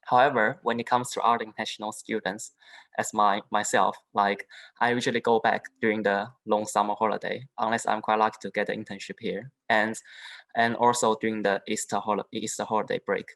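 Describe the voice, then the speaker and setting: A young man from southern China, a native Chinese speaker, giving a halting panel talk as an international student, with frequent restarts and fillers. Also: on the low side, little pitch movement, vocal fry, a bit bright, poor audio. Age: young adult. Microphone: video call.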